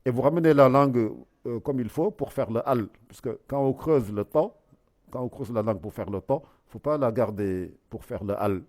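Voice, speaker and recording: A man teaching how to recite the Quran, explaining the rules and then drawing out the sounds slowly, syllable by syllable, as he repeats them. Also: mid-range voice, a little mellow.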